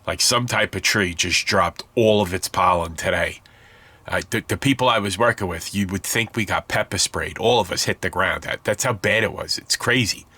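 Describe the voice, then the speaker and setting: Low-sitting and pushed, his voice comes across bright with a breathy edge, at normal speed and with no echo. The man is stuffed up and congested, chatting casually as he shows his scale model build in a hobby tutorial, rambling and self-correcting.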